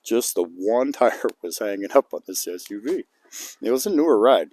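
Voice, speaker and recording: An older outdoor vlogger tells a rambling story to the camera in a folksy way, chuckling between lines. He's recorded outside on a calm, cold day, with a lowish voice at a normal speed.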